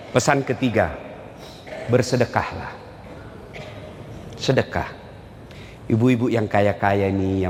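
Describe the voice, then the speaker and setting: A man's voice: fairly low pitch, long reverb tail, a little hiss or hum. A man preaching a humorous sermon to a live congregation, teasing the crowd and acting out little scenes between husbands and wives. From Indonesia.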